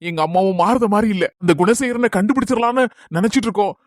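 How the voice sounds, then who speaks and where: A woman voicing a calm, teasing young husband in a comic skit, with a Kanyakumari Tamil accent and a steady, coaxing manner. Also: mid-range voice, racing, dry recording, clean studio sound, lightly acted. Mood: serious.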